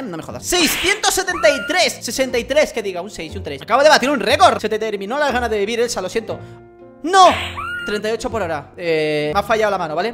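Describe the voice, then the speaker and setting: A gaming YouTuber with a Spain Spanish accent gives comedic let's-play commentary, jumping between loud shouts and low muttering. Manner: animated, jokey, swings between shouts and mutters.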